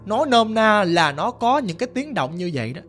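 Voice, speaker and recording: A man's voice: sits high, brisk, soft background music. Chatty Southern Vietnamese storyteller man. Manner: chatty, animated, addresses listeners. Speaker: ghost story narrator.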